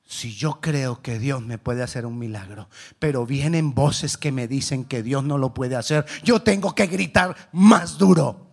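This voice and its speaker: A man preaching a sermon, swinging between loud exhortation and hushed asides, acting out the voices of biblical characters. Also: mid-range voice, unhurried, gravelly, breathy edge.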